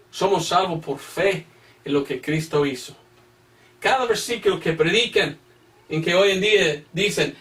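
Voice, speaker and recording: High-voiced man preaching from afar. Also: a bit bright, far from the mic. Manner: reads scripture references aloud, repeats phrases, emphatic rhetorical questions. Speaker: evangelist missionary preacher. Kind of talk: Bible-teaching sermon.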